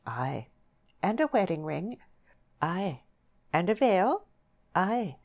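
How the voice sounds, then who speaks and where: A woman voicing a spiteful young country girl who taunts in a sweet, mocking way, with a steady hiss behind her. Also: mid-range voice, slow, muffled recording, pitched above the performer's own voice. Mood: taunting.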